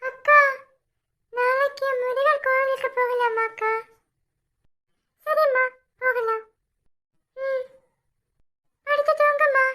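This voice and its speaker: Shrill, quarrelsome young cartoon village women with a Kanyakumari accent, shrieking at every scare, as a woman puts them on. The voice is very high-pitched and unhurried, with a bright, sharp edge. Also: steady tone, full character voice. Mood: frightened. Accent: Kanyakumari Tamil. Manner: squabbling, shrieking. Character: bickering young village women, squabbling and easily frightened.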